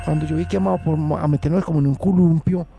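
A Colombian man recounts his life in a halting, personal way, restarting sentences and acting out what others said. His voice is gravelly and very dark but sits a bit high for a man. Faint music plays underneath. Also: fairly even intonation. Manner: halting, with restarts and acted quotes. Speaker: interviewee. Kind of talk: personal storytelling.

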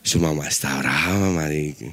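A man putting on the voice of a drunk man scolding himself in a mirror, gruff and muttering. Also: extremely low pitch, moderate pace, bright, forceful tone, no room sound, voice pushed down, full character voice.

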